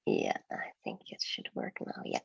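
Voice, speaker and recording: A woman's voice: normal speed, no echo. A woman from Turkey presenting her business on a video call, hesitant with many fillers. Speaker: guest speaker, agency founder. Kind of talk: online presentation with slides. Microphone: video call microphone. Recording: dull dry video call audio.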